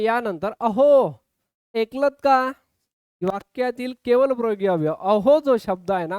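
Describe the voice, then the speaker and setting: A man's voice: high-pitched, clear, resonant tone, dry recording, clean studio sound. A man teaching an online exam-prep grammar lesson, acting out example exclamations and calling his students friends. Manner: lively, acts out example exclamations, keeps addressing students as friends.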